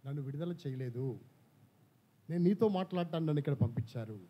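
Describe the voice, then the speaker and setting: A man preaching, voicing an apostle's wife who speaks softly and steadily, calm before her death. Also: on the high side, brisk. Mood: serene. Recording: slightly dull church recording.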